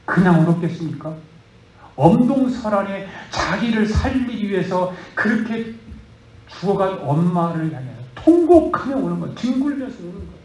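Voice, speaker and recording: A man's voice: high voice, very animated, normal speed, a little mellow. A male pastor preaching a sermon, telling a story and then urging his listeners with rising fervor. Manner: rising to fervent, urgent exhortation. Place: church. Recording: roomy church hall.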